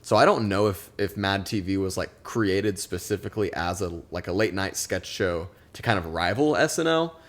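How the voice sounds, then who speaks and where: A young man co-hosts a podcast in a studio, chatting casually in a rambling, laughing way. His voice sits low and a bit bright, moving at normal speed with hardly any pauses.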